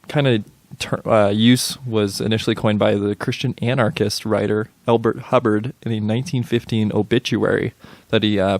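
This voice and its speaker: A man's voice: on the low side, no room sound. A young man co-hosting a podcast, talking in a casual, hesitant way with lots of fillers and easy laughs. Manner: hesitant, many fillers and restarts, laughs easily. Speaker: podcast co-host. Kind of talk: casual chat.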